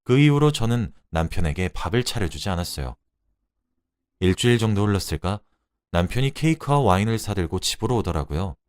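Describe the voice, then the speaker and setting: A man narrates a radio drama in a lowish voice. His delivery is expressive and animated, with his pitch rising and falling as he tells the story. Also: a little fast, no room sound, clean studio sound.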